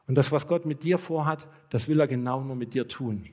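A male pastor preaches a sermon in a lively storytelling manner and acts out bits of dialogue as he goes. He turns often to speak straight and earnestly to the congregation. His voice sits at a middle pitch for a man. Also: brisk. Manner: addresses listeners directly and earnestly.

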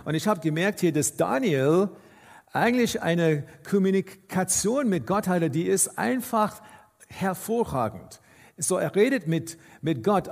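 A man with a high voice preaches to his congregation, halting and repeating himself as he restarts phrases. His words ring out into a long reverb, as if he stands in a large church hall. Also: a little mellow, husky. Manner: halting, repeats words, non-native German grammar. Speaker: pastor. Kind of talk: sermon.

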